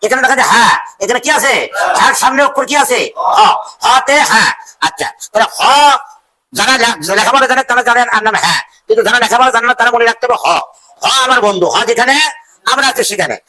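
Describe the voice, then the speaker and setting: A male teacher leading a classroom drill, calling out phrases in a slow sing-song and having the class repeat them. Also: very high voice. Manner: slow sing-song drilling, stretched words and loud cues. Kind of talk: call-and-response classroom drill.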